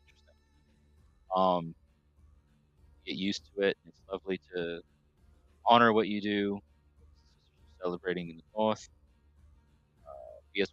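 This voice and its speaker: Rambling New man, bright tone. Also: fairly low pitch, no room sound, muffled recording. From New York, USA. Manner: rambling, self-correcting. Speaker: live stream host. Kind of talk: casual chat reading viewer comments.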